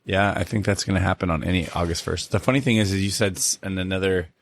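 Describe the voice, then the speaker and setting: Young male podcast co-host with a low voice, excitable and jokey, quick to react with profanity. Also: a little hiss or hum. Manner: excitable, jokey, swears freely, says "dude" and "bro". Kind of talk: casual chat.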